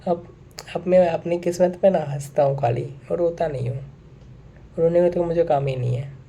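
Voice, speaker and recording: A man's voice: on the high side, steady tone, moderate pace, vocal fry, warm tone. A young man talking straight to his viewers in a casual monologue, earnest and repeating his points, with English phrases mixed in. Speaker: vlogger.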